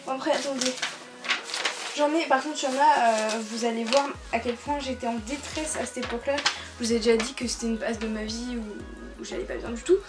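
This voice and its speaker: A woman's voice: on the high side, steady tone, brisk, over loud music. A young woman from France chatting casually on her bed in her bedroom, laughing often, with many fillers and restarts, filmed by a camera on a tripod. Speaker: YouTuber. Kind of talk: casual vlog chat.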